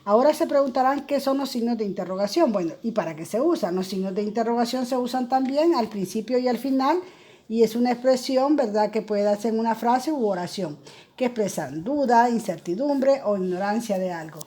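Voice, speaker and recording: A woman's voice: a little high, animated, a little fast, mellow. A woman teacher explaining grammar in a recorded lesson, speaking in an explanatory way with many fillers and tag questions.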